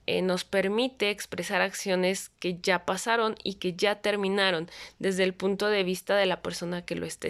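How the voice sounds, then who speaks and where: Lady teacher walking through verb tenses, unhurried, smooth clear voice. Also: medium pitch, fairly bright tone. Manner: patient, explanatory, pauses with fillers. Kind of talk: online grammar lesson.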